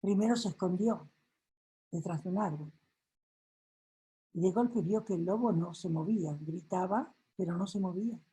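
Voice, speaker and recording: A woman coach, telling a story to her audience with a soft, slow delivery. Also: lowish voice, slightly rough, low-quality recording.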